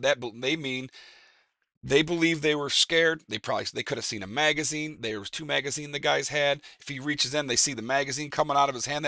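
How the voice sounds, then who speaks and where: A man's voice: mid-range voice, creaky, bright, forceful tone, no room sound, studio quality. A man giving a rambling, emphatic casual opinion monologue, with restarts and fillers. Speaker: commentator.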